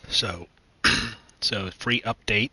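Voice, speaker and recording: A man from the United States hosting his own gaming channel, chatting casually and rambling with many fillers, restarts and throat clearing. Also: fairly low pitch, takes it slowly, sharp tone, no echo, low-quality recording. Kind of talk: casual gaming news chat.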